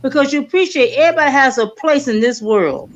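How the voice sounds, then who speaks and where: A middle-aged woman on a viewing-party panel lectures insistently in a casual group chat, repeating herself to drive her point home. She speaks fast in a high voice, and the lo-fi stream audio sounds slightly dull.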